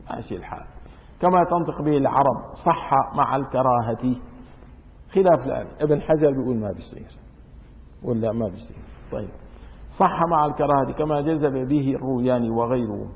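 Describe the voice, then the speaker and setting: A man teaches a religious law lesson at a middling pitch. He reads a classical text, then explains it in dialect, saying words over and over to show their pronunciation. His voice rings in a long-echoing hall and comes through a thin, phone-like line.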